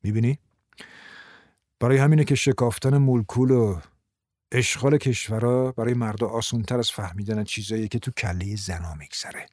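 A man voicing a calm young man in an audiobook, speaking softly and reassuringly. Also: mid-range voice, dry recording, clean studio sound, voice pushed down, natural voice. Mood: gentle. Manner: soft, gentle, reassuring.

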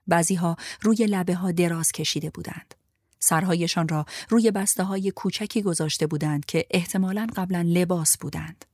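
Low-voiced woman narrating an audiobook. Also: darkish tone, no room sound, studio quality. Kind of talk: first-person scripted narration.

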